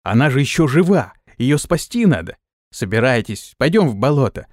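A man's voice: medium pitch, sing-song, normal speed, a little mellow, dry recording, clean studio sound, lightly acted. A man voicing a hot-tempered young male police trainee with indignant outbursts.

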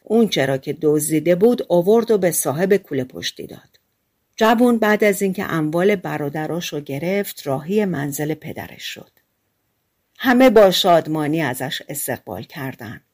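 A woman's voice: deep voice, darkish tone. Woman reading fairy tales aloud. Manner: colloquial, conversational storytelling. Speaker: audiobook narrator. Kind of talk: scripted fairy-tale narration.

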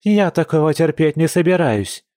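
A man voicing a fiery, sharp-tongued young woman who snaps out curt lines. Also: fairly high pitch, expressive, moderate pace, no room sound, studio quality, voice pushed up, lightly acted. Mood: angry. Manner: snapping, curt.

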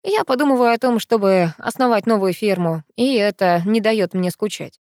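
A woman reading the part of a remorseful grown male professor, speaking low, calm and earnest in an audiobook. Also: moderate pace, no room sound, clean studio sound, close to an everyday voice. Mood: measured.

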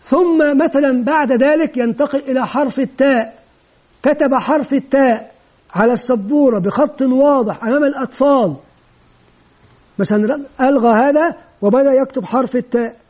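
A man's voice: very high voice, moderate pace, darkish tone. A man giving an instructional lecture for teachers, explaining step by step and asking and answering his own questions. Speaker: teacher trainer.

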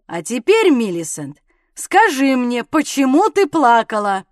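A woman voicing a loud drunken bully husband. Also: high voice, normal speed, dry recording, clean studio sound, natural voice. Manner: shouting, blustering and rough. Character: drunken brutish English gentleman husband, bullying.

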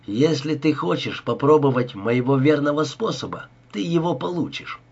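A man's voice: fairly high pitch, normal speed, breathy edge, muffled recording. A man voicing a brutal gangster who threatens and bullies in a harsh voice. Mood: threatening. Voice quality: harsh, menacing.

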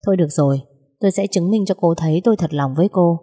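Storybook young male suitor, steady and teasing, read by a woman, husky lowish voice. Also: quick pace, long reverb tail. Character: young man, calm, teasing, persistent suitor.

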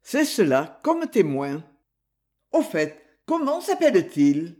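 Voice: mid-range voice, big pitch swings, slow pace, a little mellow. Reader doing a blunt, probing police inspector. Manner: blunt, interrogating.

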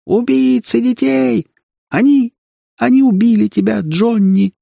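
A man voicing a grief-stricken mother who screams accusations in a shrill, squealing voice. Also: big pitch swings, a little slow, darkish tone, breathy edge, dry recording, clean studio sound. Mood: hysterical. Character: grieving mother, shrieking accusations, middle-aged.

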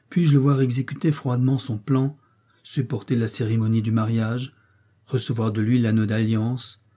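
A male audiobook narrator reading a classic novel in an even, measured delivery. His voice is mellow and soft-edged, with a slight huskiness. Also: mid-range voice, breathy edge. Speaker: audiobook reader.

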